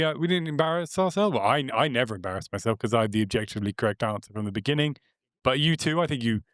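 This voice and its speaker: A man's voice: mid-range voice, dry recording, clean studio sound. A man hosting a podcast, running through gaming news in a chatty, self-assured way. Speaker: podcast host. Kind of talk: casual chat, news rundown.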